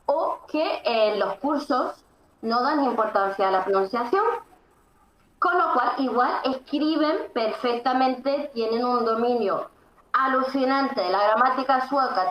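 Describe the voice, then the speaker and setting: A woman as an interview guest, explaining emphatically and often pausing on fillers. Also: on the high side, animated, highs cut off. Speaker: interview guest, Swedish teacher. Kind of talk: conversational explanation. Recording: echoey room, faint background noise.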